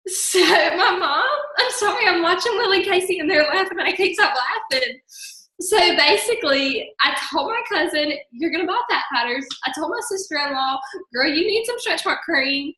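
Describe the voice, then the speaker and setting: A woman's voice: extremely high pitch, moderate pace, roomy sound, poor audio. A woman casually telling a story on a group call, often breaking into laughter as she talks. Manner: giggly, breaks into laughter, animated. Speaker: team member sharing her story.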